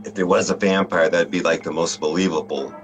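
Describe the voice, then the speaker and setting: A man's voice: low-pitched, fairly even intonation, brisk. A man hosting a casual watch-along commentary, joking and wisecracking while a film plays. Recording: film music playing behind.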